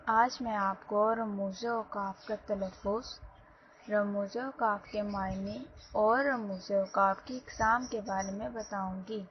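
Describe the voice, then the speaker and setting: A woman teacher giving a slow, explanatory lesson and speaking directly to her students. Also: medium pitch, steady tone. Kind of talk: classroom lesson. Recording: dull lo-fi sound, faint background noise.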